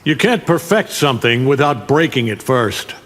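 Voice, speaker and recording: A man's voice: medium pitch, big pitch swings, moderate pace, a bit bright. A man playing an arrogant, ruthless alien conqueror in a fighting game, commanding and contemptuous, in long reverb. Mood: threatening. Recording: long reverb, faint background noise.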